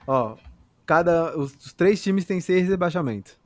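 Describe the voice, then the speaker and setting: A man's voice: a little high, expressive, a little slow. Brazilian man co-hosting casual football talk. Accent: Brazilian Portuguese. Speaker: football podcast co-host. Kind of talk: casual chat.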